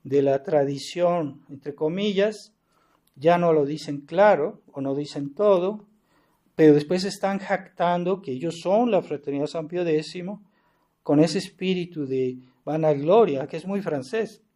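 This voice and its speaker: A Mexican priest delivers a sermon earnestly and insistently, restarting sentences and frequently tacking on a rhetorical "¿verdad?". His voice is on the high side and warm, and he speaks a little slowly.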